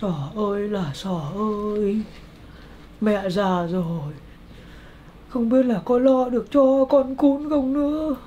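A woman's voice: fairly high pitch, steady tone, takes it slowly, mellow, dull audio, slight background noise. A woman playing a grieving old grandmother in a comedy skit, lamenting and scolding.

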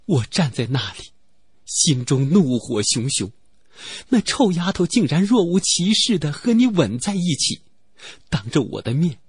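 A man's voice: a little high, a little mellow, slightly rough, no room sound, clean studio sound, voice pushed up, exaggerated voice. A man voicing a heartbroken, jealous young fairy woman in an audio novel, speaking in a pleading, bitter manner.

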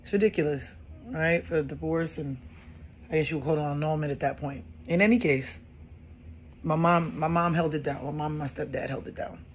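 Slight background noise accompanies a low-voiced woman in her thirties as she recounts a personal story a little fast. Her telling is casual and lively, with phrases often repeated for emphasis.

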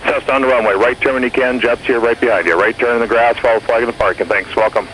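This is a man working air traffic control, speaking from the airport tower to a jet cockpit with short, courteous instructions. His mid-range voice stays steady, quick and a bit bright. The recording is rough, and faint noise runs under the aviation radio.

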